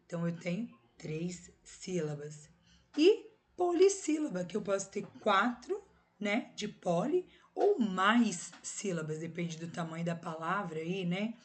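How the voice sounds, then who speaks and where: A woman's voice: fairly low pitch, lively intonation, measured pace. A woman with a Brazilian Portuguese accent giving a recorded lesson, explaining step by step and checking in with short tag questions. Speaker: teacher.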